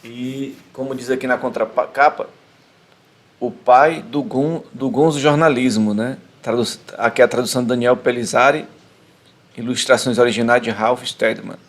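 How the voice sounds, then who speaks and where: A man's voice: medium pitch, steady tone, normal speed. Man casually reading a novel aloud. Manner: casual reading with small slips. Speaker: podcast host reading a book.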